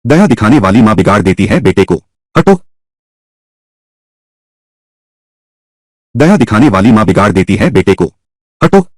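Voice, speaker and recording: A harsh, scolding father who heads the household, played by a man. His pitch rises and falls a lot, and his voice is slightly husky. The audio is dry and close in this dubbed drama. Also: big pitch swings, brisk, darkish tone, dry recording. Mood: angry. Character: stern angry middle-aged father, head of house.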